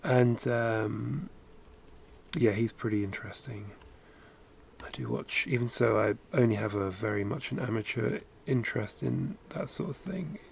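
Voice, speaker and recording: A man's voice: mid-range voice, unhurried, vocal fry, slight background noise. A British man chatting casually while he draws on a live stream, musing aloud with lots of filler words. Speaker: animation streamer.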